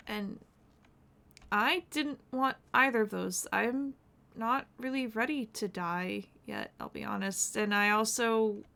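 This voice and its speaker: A woman playing a young seafaring wanderer in character, talking softly and hesitantly. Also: mid-range voice, gravelly, full character voice. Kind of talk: in-character roleplay.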